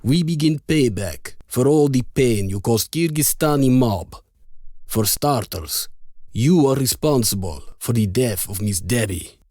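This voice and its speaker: Gruff mobster man, broken English. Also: mid-range voice, lively intonation, a little slow, warm tone, dry recording, studio quality. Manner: menacing, clipped broken English. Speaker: mobster sitcom character. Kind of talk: sitcom acting.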